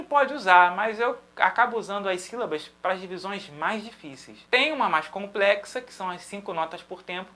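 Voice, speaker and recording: A Brazilian man teaching a drum lesson, patiently explaining and chanting syllables in a steady rhythm to demonstrate. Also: sits high. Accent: Brazilian Portuguese.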